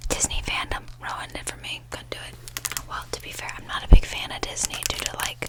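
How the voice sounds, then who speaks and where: A woman whispers in a breathy voice, chatting in a casual, rambling, slangy way for ASMR. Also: brisk. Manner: informal, slangy, sweary, rambling. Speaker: ASMR video host. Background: nail tapping and page fluttering.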